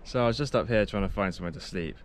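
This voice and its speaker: On a sunny coastal path, a young adult cycle-touring vlogger talks casually to an action camera held at arm's length, rambling, chatty, and often correcting himself. His lowish voice races along, with faint wind and passing traffic behind him.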